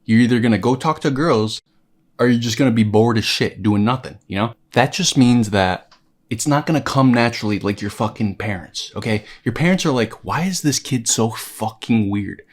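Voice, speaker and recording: A man's voice: mid-range voice, a little fast. Brash, profane young man giving advice. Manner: brash, profane, pep-talk tone. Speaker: self-help vlogger. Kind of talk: comedic dating advice monologue.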